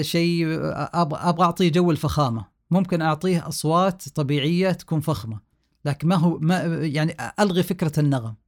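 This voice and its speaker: A sound engineer talking in a casual podcast interview, his voice a bit higher than most men's and gravelly. He explains patiently, hesitates often and starts words over. The talk is relaxed and conversational. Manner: hesitant, many restarts, explanatory.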